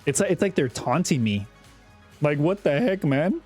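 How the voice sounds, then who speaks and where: A young man giving casual, chatty commentary over his own gameplay, often repeating himself and getting excited. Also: a little high, moderate pace, husky, soft background music. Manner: chatty, self-talking, repeats words, excitable. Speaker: gaming YouTuber.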